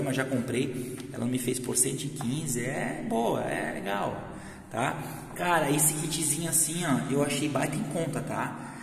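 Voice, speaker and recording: A man's voice: on the high side, creaky, a little mellow, a little hiss or hum. A man casually showing his apartment renovation to viewers, laughing often, while his voice echoes strongly in a bare, empty room. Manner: chatty, laughs often, addresses viewers as friends. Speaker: vlogger. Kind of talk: casual home-renovation vlog.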